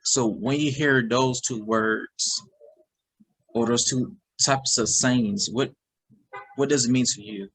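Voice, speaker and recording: A man's voice: mid-range voice, slow pace, fairly bright tone, husky, rough recording. A man hosting a podcast interview who asks eager, rambling questions and restarts his sentences. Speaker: podcast host.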